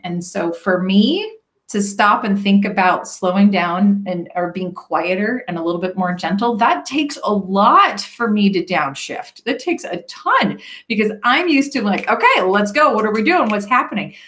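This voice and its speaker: A woman's voice: medium pitch, measured pace. A middle-aged woman who works as a leadership coach gives an enthusiastic, casual motivational talk and keeps checking in with "right?". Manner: enthusiastic and expressive, often stops to ask "right?".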